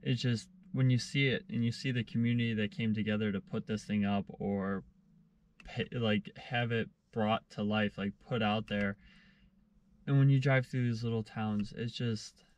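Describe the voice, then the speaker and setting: A man's voice: fairly low pitch, steady tone, normal speed. A young man in his twenties talking casually to the camera from the cab of his parked pickup, chatty and enthusiastic. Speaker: travel vlogger. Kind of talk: casual vlog talk to camera. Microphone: camera on the dashboard.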